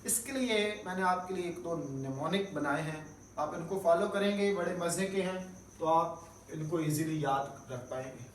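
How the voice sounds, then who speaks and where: A man's voice: fairly high pitch, normal speed, reverberant, far from the mic, a little hiss or hum, poor audio. A male chemistry teacher giving a recorded lecture, explaining step by step, repeating key terms and mixing in English technical words. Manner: mixes English technical terms into his speech.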